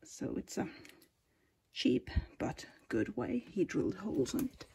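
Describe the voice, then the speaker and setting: Indoors by her display cabinets, a woman from Finland narrates a relaxed tour of her collection in a husky, whispery voice of medium pitch with a sing-song lilt. She is soft and unhurried, frequently whispering and saying um.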